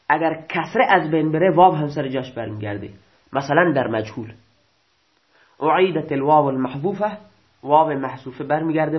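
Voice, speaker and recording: A male teacher giving a grammar lecture, reading out rules and restating them slowly, often asking and answering his own questions. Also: fairly high pitch. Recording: dull lo-fi recording.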